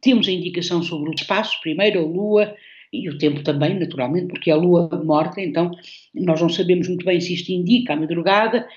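A woman's voice: lowish voice, fast, darkish tone, muffled recording. A woman with a European Portuguese accent, a guest poet in a radio conversation, explaining a poem reflectively and often ending phrases with a tag question. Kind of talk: radio conversation about poetry.

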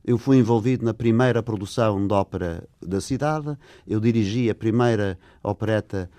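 In this interview, an older man from England, whose first language is English, answers in learned Portuguese, hesitating and using many fillers. He speaks at normal speed in a lowish, warm voice, recorded without echo.

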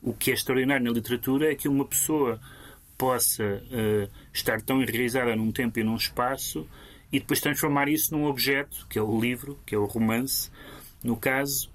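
A man's voice: medium pitch, steady tone, fairly quick, fairly bright tone. A man with a European Portuguese accent discussing a book as a critic on radio, full of fillers and restarts. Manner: hesitant, many fillers and restarts.

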